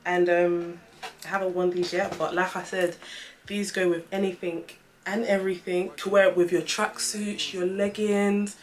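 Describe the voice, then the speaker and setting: Lisping young woman, lowish voice. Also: little pitch movement, moderate pace, slight background noise. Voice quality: lisp with whistling s from dental aligners. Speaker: vlogger reviewing trainers. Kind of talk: casual product-review vlog chat.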